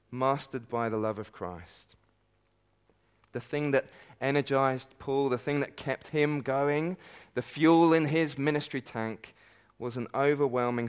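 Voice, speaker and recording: A man's voice: mid-range voice, clean tone. Brief: male preacher, mid-range voice, earnest sermon delivery, emphatic build-ups, dry self-deprecating humour. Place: conference meeting hall.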